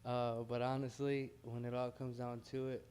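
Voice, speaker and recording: A man's voice: mid-range voice, level tone, normal speed, darkish tone, a little hiss or hum. An American man, a heavyweight boxer, talking casually and modestly in a pre-fight interview.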